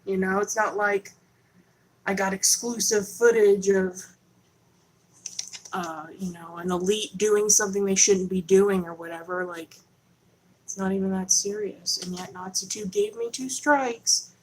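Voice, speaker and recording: A woman's voice: medium pitch, steady tone, a little slow, a little hiss or hum, low-quality recording. A woman hosting a rambling, conspiratorial livestream from her home, talking casually into a camera on a holder. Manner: chatty, conspiratorial, self-interrupting. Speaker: livestream host. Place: home in Texas.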